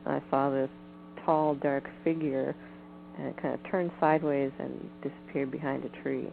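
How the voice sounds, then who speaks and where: A woman guest on a phone interview, speaking in a measured, hedging way with frequent ums. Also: very deep voice, fairly even intonation, creaky. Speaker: guest, Bigfoot researcher. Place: home in the woods. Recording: tinny phone line with faint hiss.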